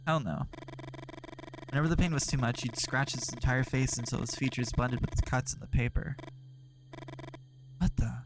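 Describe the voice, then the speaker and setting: A man's voice: mid-range voice, moderate pace, long pauses, background noise. A man streaming a narrative game, reading its text aloud and breaking off for sarcastic, profane asides.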